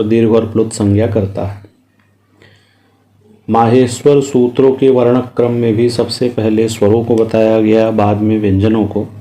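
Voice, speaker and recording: A man giving a methodical grammar lecture, explaining each rule step by step and reciting the rules slowly. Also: lowish voice, dark tone. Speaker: Sanskrit grammar teacher.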